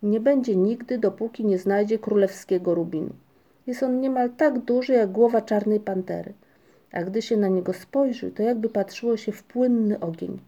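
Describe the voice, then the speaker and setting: A woman reading a calm wandering troll storyteller. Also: medium pitch, moderate pace, close to an everyday voice. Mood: calm storytelling. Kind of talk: audiobook character reading.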